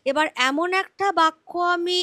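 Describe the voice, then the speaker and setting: A woman with a high, bright voice teaches a grammar class, patiently asking and answering her own questions. She stresses key words as she goes. The recording is close and dry. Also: normal speed, no echo. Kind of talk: grammar lesson.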